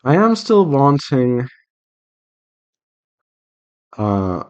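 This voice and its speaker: A visual novel developer talks through a draw-along devlog, rambling to viewers as he draws and reassuring himself as he thinks aloud. His mid-range voice is smooth and sing-song, and he takes it slowly.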